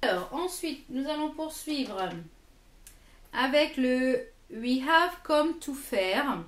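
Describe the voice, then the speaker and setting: A woman's voice: sits high, expressive, slow, roomy sound. A French woman reviewing lipsticks in her own vlog, hesitant and full of fillers and repeated words. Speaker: beauty vlogger. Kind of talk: product review.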